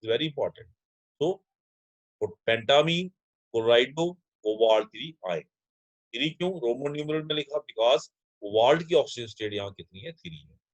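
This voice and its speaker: A man's voice: mid-range voice, expressive, unhurried, no echo, dull audio. A man teaching a chemistry class in a lecture style, explaining each step and asking his students questions that he then answers himself. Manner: addresses students as children. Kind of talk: classroom lecture mixing Hindi and English.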